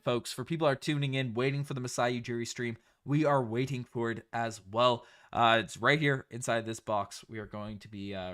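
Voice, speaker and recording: A man from Canada with a light Newfoundland accent, hosting a casual sports livestream and often repeating phrases for emphasis. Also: medium pitch.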